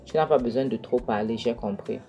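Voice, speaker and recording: A woman voicing a cocky, washed-up man who rambles and defies his former friend, in a low voice. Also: brisk, muffled recording, soft background music. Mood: defiant, rambling. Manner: rambling, defiant. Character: cocky washed-up man lounging where he shouldn't.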